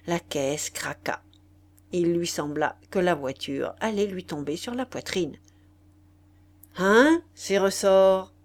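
A woman reading a novel aloud in a measured, expressive storytelling manner. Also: lowish voice. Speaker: audiobook reader.

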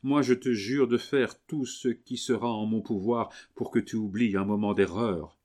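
A man's voice: on the low side, steady tone, moderate pace, a little mellow, natural voice. A man voicing a guilty young husband who pleads fervently with his wife, in a French audiobook reading. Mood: pleading.

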